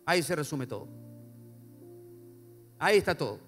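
A male pastor preaching a sermon, swinging between soft low asides and loud emphatic repetition. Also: big pitch swings, moderate pace. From Paraguay. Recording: long hall reverb with faint music.

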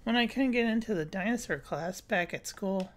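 A woman's voice: medium pitch, normal speed. A woman hosting a let's play, chatting casually and reading dialogue aloud with frequent giggles. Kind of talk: casual gameplay commentary.

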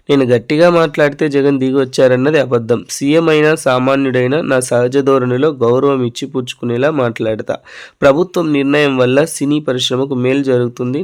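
A man's voice: medium pitch, darkish tone. Man reading the news. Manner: brisk news-reader delivery with occasional loose asides. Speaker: news channel host. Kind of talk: news narration.

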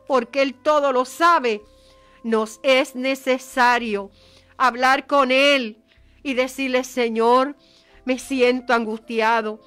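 Slow, fervent Puerto Rican woman preacher. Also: high-pitched, fairly bright tone, clean tone. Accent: Puerto Rican Spanish. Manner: fervent, repetitive, with interjected praises. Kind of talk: sermon.

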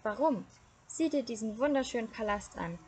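A woman voicing a poor, timid fisherman who calls a rhyme out over the sea, in a loud sing-song chant. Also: a little high, lively intonation, normal speed, slight background noise, pitched above the performer's own voice, natural voice.

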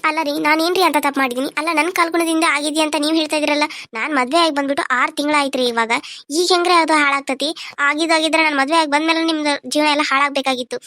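A woman's voice: fairly even intonation, quick pace, sharp tone, no room sound, clean studio sound. A woman voicing a devoted young wife in a cartoon serial who pleads and questions plaintively. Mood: hurt, pleading. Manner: plaintive, questioning, high-pitched.

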